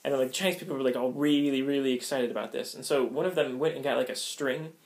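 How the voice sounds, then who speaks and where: A man's voice: medium pitch, fast talker. A young American man telling a story casually, rambling with many fillers and frequent laughs. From United States. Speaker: vlogger.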